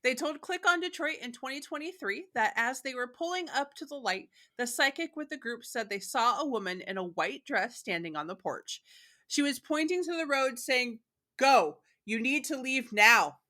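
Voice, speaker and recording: A bright-toned woman from Michigan hosts a podcast, chatting casually with a co-host. She talks freely, laughs often and fills pauses with "um" and "like". Her voice has a clear, forward edge. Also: high voice, lively intonation. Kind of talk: casual chat.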